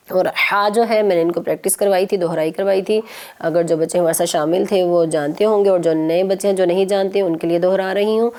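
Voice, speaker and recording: A woman's voice: on the low side, a little mellow. Patient woman teaching children to read. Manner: patient, encouraging, drills letter sounds slowly. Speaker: children's Quran reading teacher. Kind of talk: televised phonics lesson for children.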